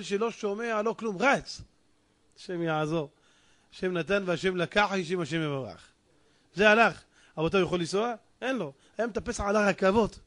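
A man telling a folk tale theatrically, acting out every character and swinging from hushed narration to shouting. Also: high voice. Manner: addresses listeners as gentlemen. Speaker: storyteller.

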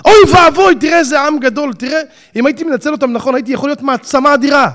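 A man voicing Pharaoh, a king who wails and shouts in regret over the slaves he wasted. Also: extremely high pitch, voice pushed up. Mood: wailing lament. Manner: shouting, lamenting, rapid outbursts. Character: wailing male Pharaoh regretting his lost slaves.

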